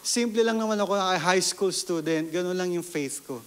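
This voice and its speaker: Male pastor from the Philippines, fairly high voice, preaching a story and asking the congregation questions. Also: normal speed, in a large hall. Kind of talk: sermon testimony.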